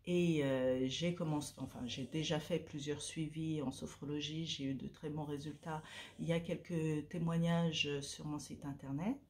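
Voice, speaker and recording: A woman's voice: deep voice, steady tone, normal speed, darkish tone. A woman from French Guiana, a sophrologist, talking casually to camera at home with many hesitations and repeated words. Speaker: vlogger and sophrologist. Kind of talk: casual vlog talk to camera. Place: at home, a dog snoring nearby.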